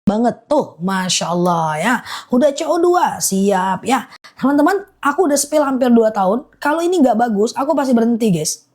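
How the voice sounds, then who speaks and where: Chatty woman doing a live-stream sales pitch. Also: expressive, a little mellow. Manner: chatty, repeats itself, reassuring, slows to list items one by one. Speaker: live-stream honey seller.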